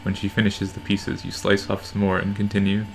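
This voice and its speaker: A narrator reading a visual novel game aloud in a deadpan way. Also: deep voice, fairly quick, vocal fry, a little hiss or hum, poor audio. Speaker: narrator in a let's play.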